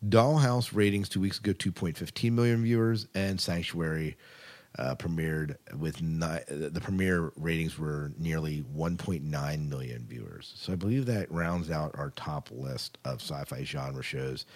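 This podcast host is an American man whose voice is very deep and somewhat dark. His segment mixes read news stories with relaxed banter between them.

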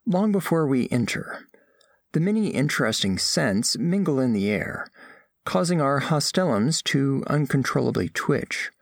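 In a dry, clean studio recording, a man with a mid-range voice plays a formal, curious alien scholar. He narrates an audio drama in the first person from a script, using precise, clinical wording with an air of formal curiosity.

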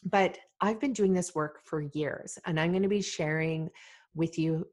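A woman from Malawi hosting a solo podcast, talking in an earnest, deliberate way with fillers and repeated phrases. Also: on the low side, darkish tone. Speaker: podcast host.

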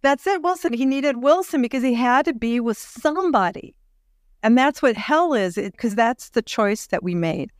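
A woman hosting a podcast interview, reflective and measured, slowing down on key phrases. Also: fairly high pitch, lively intonation, no room sound, studio quality. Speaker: podcast host. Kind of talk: interview conversation.

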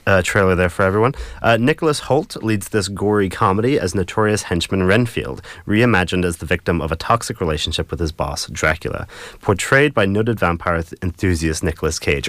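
A man presents a film show in a chatty way. His voice is on the low side, in a very dry studio sound. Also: fairly bright tone, dry recording. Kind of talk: chatty radio-style presenting.

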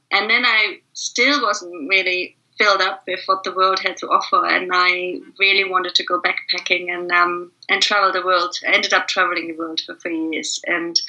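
Bright-voiced German woman, thoughtful guest. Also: lowish voice, highs cut off. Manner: thoughtful, many fillers and restarts. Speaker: guest, facilitation trainer. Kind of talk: casual interview conversation.

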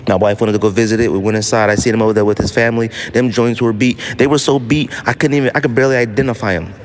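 This rapid-fire American host speaks in a steady, mid-range voice on his casual solo podcast. His style is slangy and emphatic, with phrases repeated for effect.

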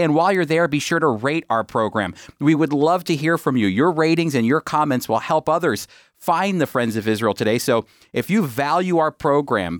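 A man hosts a radio program teaching the Bible, earnest and emphatic, his pitch climbing as he raises his voice on key phrases. The sound is clean studio audio with no room sound.

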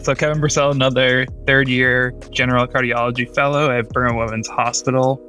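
A man, a cardiology fellow, presenting a medical case on a podcast in a measured, steady way. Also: mid-range voice, soft background music. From United States.

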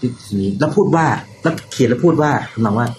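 Middle-aged guy rattling off stories fast, laughs a lot, noisy room. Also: mid-range voice. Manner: animated, laughs often, acts out quotes. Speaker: podcast host telling stories. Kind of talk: casual storytelling chat. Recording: noisy background.

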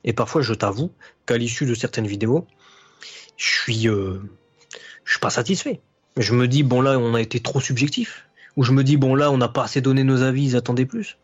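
A guest YouTuber who analyses anime explains his views at length on a casual podcast, full of fillers and restarts. His medium-pitched voice is slightly rough and a little fast, in a dull lo-fi recording.

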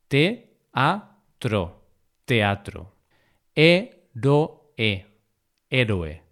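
Male teacher, scripted lesson read-out, slow and measured, mid-pitched voice, stresses syllables on each example word. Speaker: language teacher. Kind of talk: scripted spelling lesson narration.

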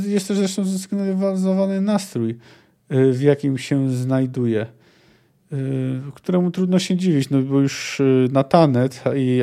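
A man hosting a podcast, discussing a novel chapter in a measured, analytical way while thinking aloud. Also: mid-range voice, dark tone. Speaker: podcast host. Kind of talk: book discussion commentary.

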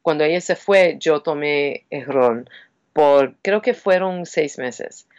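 A woman's voice: sits low, takes it slowly, lo-fi sound. A woman with a New York Puerto Rican accent whose first language is English, a playwright telling stories in a casual interview and slipping into English now and then. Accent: New York Puerto Rican Spanish. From Puerto Rican community in New York. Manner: lively storytelling, animated quoting.

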